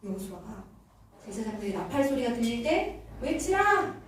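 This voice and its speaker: A woman Sunday school teacher tells a Bible story to children in an animated way, often pausing to quiz them. Her voice is high and mellow. It sounds distant and echoey in a church hall, with a faint background hiss. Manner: animated, asks the children questions. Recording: echoey room from far off.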